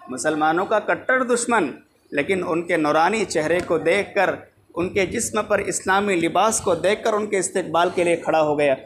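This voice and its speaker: Male preacher, fairly high voice, emphatic sermon delivery with repetition, faint room ambience behind. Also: a little hiss or hum. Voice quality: clears throat now and then. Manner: emphatic, repeats key lines for the congregation. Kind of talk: Friday sermon. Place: mosque.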